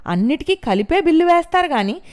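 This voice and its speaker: A woman reading an audiobook, voicing a furious young woman who shouts accusations at everyone around her. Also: sits high, sing-song, fast talker, pitched above the performer's own voice. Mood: shouting angrily.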